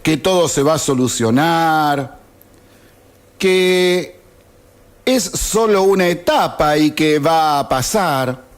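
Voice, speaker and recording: Argentine guy in his 50s reading a radio editorial, slow and sarcastic, kinda high voice. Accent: Argentine Spanish. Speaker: radio host. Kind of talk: read-out opinion editorial. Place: radio studio.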